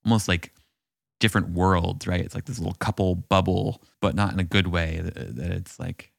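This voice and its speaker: A man's voice: low-pitched, normal speed, vocal fry, dry recording, studio quality. A man co-hosting a podcast, talking through relationship advice in a thoughtful, musing, encouraging way. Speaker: podcast co-host. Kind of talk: casual relationship chat.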